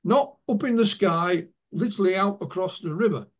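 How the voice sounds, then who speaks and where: A man's voice: high-pitched, normal speed. A man being interviewed as an author, telling anecdotes and retelling what witnesses told him. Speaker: author and guest. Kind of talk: interview storytelling.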